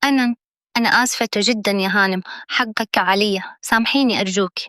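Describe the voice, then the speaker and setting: Woman as rude dress shop owner, Egyptian accent, fast contemptuous scolding. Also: fairly high pitch, fairly bright tone, dry recording, studio quality, lightly acted. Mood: trembling. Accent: Egyptian Arabic.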